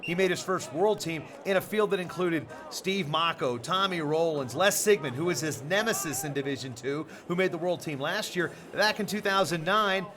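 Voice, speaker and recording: Brisk male wrestling play-by-play announcer. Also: on the high side, fairly bright tone. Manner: brisk broadcast delivery, reads sponsor lists. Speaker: play-by-play commentator. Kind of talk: sports commentary.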